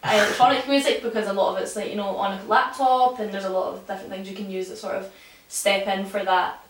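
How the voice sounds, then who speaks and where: A woman's voice: medium pitch, fairly even intonation, fast talker, slight background noise. A woman interviewing guests in a casual, informal and reactive chatty way. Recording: echoey room, distant mic.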